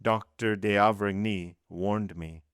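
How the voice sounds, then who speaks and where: A man's voice: lowish voice, steady tone, slow pace, smooth, no room sound, clean studio sound. A man reading aloud, voicing a stern magistrate who questions his wife in a blunt, commanding way. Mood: accusing. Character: cold, stern magistrate husband.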